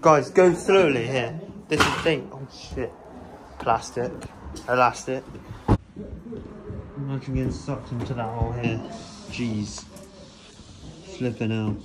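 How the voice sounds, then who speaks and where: A young man filming himself and friends inside a dark abandoned building, talking in slang, hushed and jittery, on a handheld phone. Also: medium pitch, takes it slowly, pauses often. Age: young adult. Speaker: vlogger filming an urban exploration. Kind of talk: casual chat while exploring. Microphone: handheld phone camera. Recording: phone audio with chatter around. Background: friends chatting nearby.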